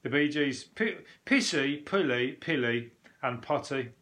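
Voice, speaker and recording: A man's voice: medium pitch, expressive, unhurried, fairly bright tone. A man with a Birmingham accent chatting casually on his own as a show host, rambling, joking and swearing freely. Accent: Brummie (Birmingham). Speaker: host of a news commentary show. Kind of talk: casual solo chat about news stories.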